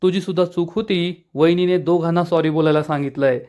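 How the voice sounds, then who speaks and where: A man's voice: fairly high pitch, steady tone, a little mellow, muffled recording, natural voice. A man quoting a bickering young village brother. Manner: teasing, quarrelsome, quick retorts.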